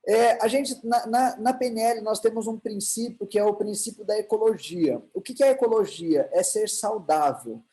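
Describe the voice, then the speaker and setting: A man's voice: high-pitched, moderate pace, few pauses, warm tone, poor audio. A man with a Brazilian Portuguese accent giving an online lecture, asking rhetorical questions and answering them himself, with frequent restarts. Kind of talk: online lecture on emotional intelligence.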